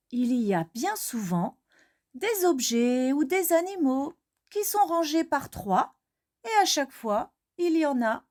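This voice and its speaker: Slow expressive woman storyteller. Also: a little high. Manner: slow, expressive, sing-song reading. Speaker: children's storyteller. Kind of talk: read-aloud storytelling for children.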